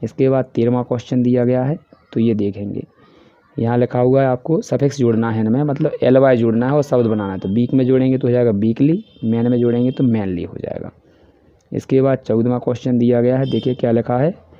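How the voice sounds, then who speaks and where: A man with a Hindi accent teaching a class worksheet, explaining each answer step by step and reading the English questions slowly. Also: medium pitch, steady tone, no room sound. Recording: dry, dull lo-fi voice-over.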